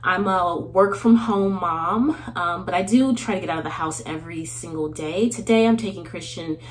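The audio is poor as a woman in her thirties, a beauty vlogger, hosts a chatty get-ready-with-me from her small bathroom. She laughs a lot, sounds a bit nasal from a cold, and speaks at normal speed in a fairly low voice.

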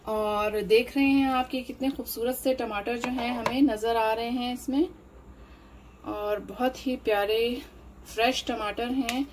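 Her voice is a little high and steady as she voices over a home cooking tutorial for her channel, unhurriedly talking through every step and using plenty of fillers. Background noise is noticeable throughout.

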